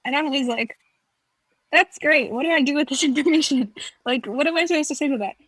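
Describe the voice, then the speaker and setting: Her voice is high and fairly bright, and she talks a little fast, a young woman co-hosting a casual podcast. Fillers come thick, and she re-enacts conversations from memory. The audio is poor, though there's no room sound.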